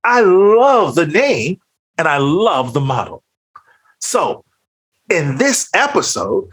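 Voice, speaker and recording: A man's voice: high voice, a bit bright. A man hosting a leadership podcast, reading a polished introduction and then interviewing a guest in an upbeat presenter's manner. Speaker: podcast host.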